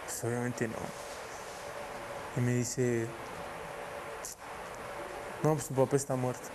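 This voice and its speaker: A man in an interview recounting a painful personal memory in a halting, soft-spoken way, often quoting what others told him. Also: mid-range voice, flat delivery, noisy background.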